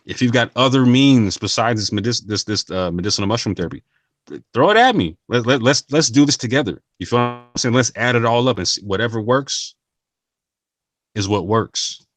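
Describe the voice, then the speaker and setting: A man's voice: mid-range voice, lively intonation, fairly quick, dry recording. A man talking casually and earnestly to his viewers, using slang and often repeating and restarting his phrases. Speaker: channel host. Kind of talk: casual talk to camera.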